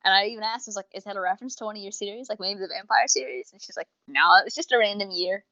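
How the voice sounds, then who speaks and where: Talking very fast in a sharp, mid-range voice, a woman co-hosts a laid-back fan discussion reviewing audio dramas. She's rambling and slangy, acting out made-up remarks as she goes. The recording is muffled with no room sound.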